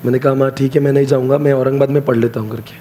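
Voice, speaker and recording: A man's voice: mid-range voice, level tone, very fast, dark tone, slight background noise. A young adult man speaking to students as their teacher, telling a story in an emotional motivational speech and switching between Hindi and English phrases.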